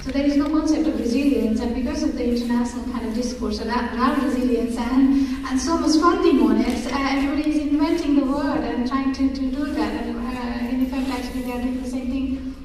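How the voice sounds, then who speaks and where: A woman from Nepal speaking as a panelist in an academic discussion, thoughtful and pausing with fillers. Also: high-pitched, fairly even intonation, darkish tone. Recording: echoey hall, distant mic, faint noise.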